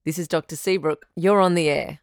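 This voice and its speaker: A woman playing a smooth radio host. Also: deep voice, fairly even intonation, dry recording, clean studio sound. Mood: calm, welcoming. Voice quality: smooth, measured and reassuring. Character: smooth female radio advice-show host. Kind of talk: scripted radio call-in drama.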